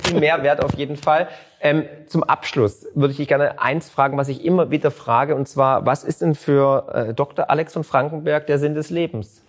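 A man's voice: fairly high pitch, steady tone, moderate pace. A man hosting his channel's interview, upbeat and persuasive, addressing viewers directly. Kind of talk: casual interview, appeals to viewers.

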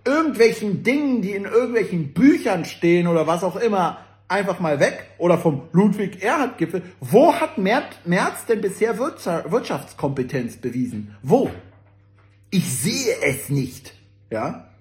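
Mocking political commentator, animated delivery, echoey room. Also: medium pitch, moderate pace. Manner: sarcastic and mocking, laughing at the text; speaks straight to the audience. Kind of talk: casual commentary reading out a newspaper article.

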